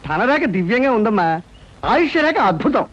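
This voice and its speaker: An actor playing a boastful fake palm-reading astrologer man in a film comedy, with flattering sing-song patter. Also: very high voice, a little fast, heavily acted. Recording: dull film soundtrack.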